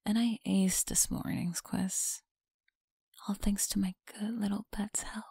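A young woman voicing a teasing, possessive school bully in an ASMR roleplay, speaking in a slow, mocking, breathy whisper close to the mic. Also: medium pitch, flat delivery, mellow, no echo, heavily acted.

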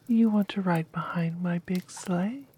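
A woman voicing an evil winter queen in a whispered storybook reading, soft, slow and beguiling. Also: on the low side, a little hiss or hum, close to an everyday voice. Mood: cold coaxing.

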